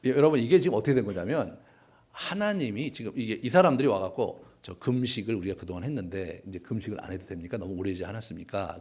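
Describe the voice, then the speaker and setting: A man's voice: on the low side, darkish tone, breathy edge. A male pastor preaching a sermon in a conversational, humorous way, often acting out voices.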